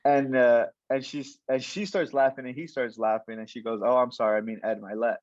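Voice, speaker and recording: A man's voice: mid-range voice, a little fast, dry recording, highs cut off. A young man, a coach and guest, tells a story in casual interview talk, acting out the lines of the people in it and restarting his sentences often. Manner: animated storyteller, acts out quoted dialogue, many restarts.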